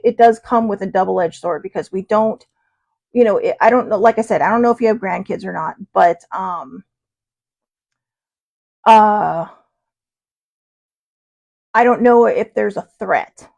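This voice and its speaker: A woman in her fifties hosts a casual livestream, her mid-range voice creaky with a darkish tone. She's chatty and rambling, full of fillers and restarts as she answers viewers.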